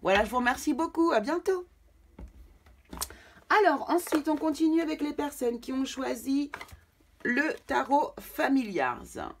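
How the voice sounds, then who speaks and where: A woman's voice: high-pitched, animated, normal speed, a little hiss or hum. A woman from France doing a casual tarot reading for viewers, often hesitant and repeating her words. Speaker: tarot card reader.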